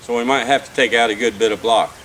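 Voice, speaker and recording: A relaxed man talks through a job outdoors, plain-spoken and unhurried, with plenty of fillers. His voice sits at an ordinary pitch for a man. Steady outdoor noise runs behind him. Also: rough recording. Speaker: beekeeper doing a bee removal. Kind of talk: casual on-site explanation. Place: outdoors beside a house wall.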